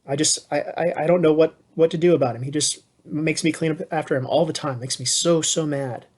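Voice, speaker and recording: Guy putting on a fed-up goddess housewife, grumbling and nagging about her messy husband, voice sitting a bit high in a classroom story. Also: fairly even intonation, fairly quick, darkish tone, lightly acted. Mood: exasperated. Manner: grumbling, exasperated.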